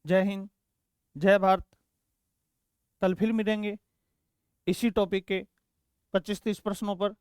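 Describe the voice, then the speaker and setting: Smooth-voiced male teacher, slow repetitions. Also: sits high, little pitch movement, no room sound, studio quality. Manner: explains slowly, repeats key words, calls students "beta". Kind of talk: exam-prep grammar lesson.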